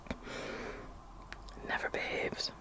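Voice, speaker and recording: Whispering chatty woman. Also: drawn-out words. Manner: chatty, rambling. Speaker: ASMR creator. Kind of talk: whispered ASMR mukbang.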